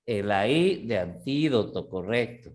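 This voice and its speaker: A man's voice: lowish voice, expressive, a little slow, a little mellow. A male teacher explaining grammar in a class, patiently checking in with listeners and often correcting himself mid-sentence. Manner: restarts and self-corrects often. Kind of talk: online language class.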